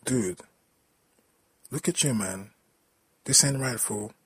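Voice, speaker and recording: A man's voice: medium pitch, slow pace, husky, no room sound. A man reading the lines of a young adult male co-worker who talks in casual street slang. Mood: coaxing.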